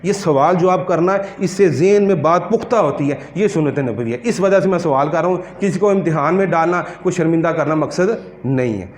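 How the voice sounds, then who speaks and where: A man teaching a Quran pronunciation class, who questions his students and repeats words slowly to correct them. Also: a little high. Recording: echoey room.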